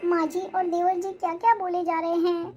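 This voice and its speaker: A very high, soft voice for a woman playing a long-suffering young wife in a cartoon. She sounds wounded and resigned, and music plays faintly behind her. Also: little pitch movement, moderate pace, highs cut off. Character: long-suffering young pregnant daughter-in-law.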